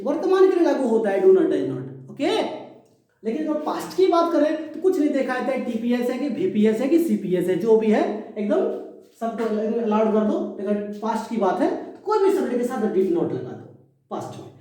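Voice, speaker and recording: A man's voice: very high voice, dark tone. A man teaching a casual grammar lesson for board exams, chatty and friendly, calling his students brother and dropping playful rhymes. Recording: very echoey room.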